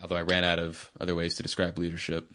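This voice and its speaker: A man's voice: sits low, completely flat delivery, quick pace, a bit bright. A man hosting a political podcast, talking through candidates in a casual, wry way with dry humor. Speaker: podcast host.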